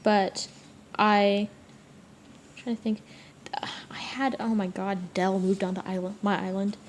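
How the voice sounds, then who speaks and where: A woman co-hosting a casual chat, easygoing and quick to react. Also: medium pitch, fairly even intonation.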